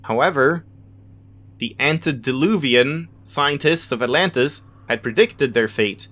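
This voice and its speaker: This let's play host has a mid-range voice with a fairly bright tone. Reading in-game text aloud, he drops casual asides and sometimes trips over unfamiliar words, correcting himself as game music plays behind him.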